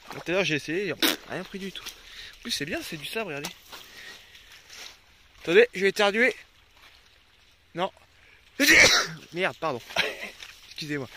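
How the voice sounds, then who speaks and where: Here the young man's voice sits a little high and moves a little fast, with lively intonation and a sharp tone. He's out by a river recording a casual travel vlog, chatting to the camera and his dogs and swearing occasionally when annoyed, with faint noise behind him.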